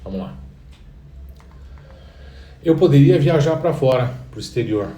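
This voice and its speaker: A man with a Brazilian Portuguese accent teaching an English lesson, patiently repeating each phrase slowly for the learner. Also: medium pitch, expressive, warm tone. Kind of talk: online language lesson. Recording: roomy echo, distant from the mic.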